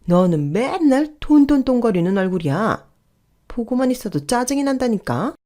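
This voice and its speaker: A woman's voice: lowish voice, animated, unhurried, darkish tone. A woman voicing a stubborn older mother-in-law who scolds sharply and dismissively. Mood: scolding.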